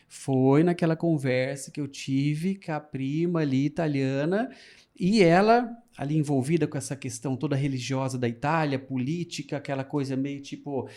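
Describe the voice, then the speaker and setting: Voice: mid-range voice, dark tone. A podcast interviewer, asking questions in a hesitant way and restarting them. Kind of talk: conversational interview.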